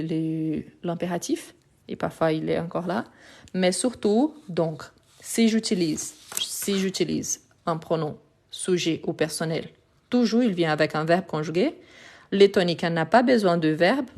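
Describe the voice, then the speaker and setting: A woman's voice: fairly low pitch, a little mellow. A woman teaching French grammar in a live lesson, patient and methodical, repeating examples step by step, Portuguese her first language.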